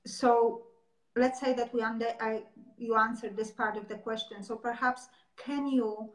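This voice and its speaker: A woman's voice: fairly high pitch, steady tone, a little slow. A woman hosting an interview who asks long, searching questions and hesitates often as she phrases them. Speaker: interview host. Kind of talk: conversational interview. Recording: echoey room.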